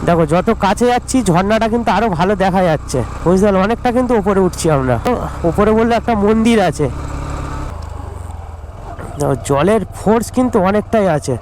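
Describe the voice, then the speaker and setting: High-voiced Bengali man vlogging from his bike. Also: lively intonation, fairly quick, pauses often, darkish tone, low-quality recording. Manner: chatty, points things out to viewers, stumbles and restarts. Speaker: travel vlogger. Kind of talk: casual travel vlog narration. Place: outdoors, riding a motorbike on country roads and climbing steps. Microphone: action camera on the helmet. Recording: faint road and vehicle noise outdoors.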